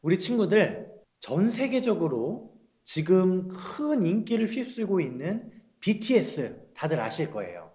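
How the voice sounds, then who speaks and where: A young man, a children's pastor, giving a sermon to kids, explaining slowly and gently and asking them questions. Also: high-pitched, very animated. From South Korea. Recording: roomy echo.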